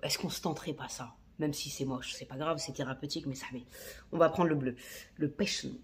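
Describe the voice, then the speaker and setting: A beauty vlogger with a deep, fairly even voice talks fast as she films a makeup tutorial on her phone camera. She chats casually in slang, mostly talking to herself while she works.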